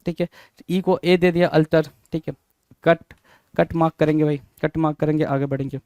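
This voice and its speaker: A man with a fairly high voice teaches an exam-prep spelling lesson, spelling out each word letter by letter and firing rhetorical questions back at his students. His voice is smooth and clear, recorded close with a dry, deadened sound. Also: fairly even intonation, normal speed, darkish tone, no room sound.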